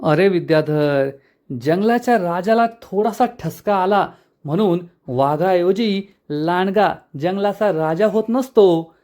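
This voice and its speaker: A man's voice: sits high, slow, darkish tone. A swaggering head of household from a TV serial, throwing out grand dialogue lines, read by a man. The lines are declaimed with a boastful, dramatic air. It is a lightly acted reading, not a full performance. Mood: declaiming.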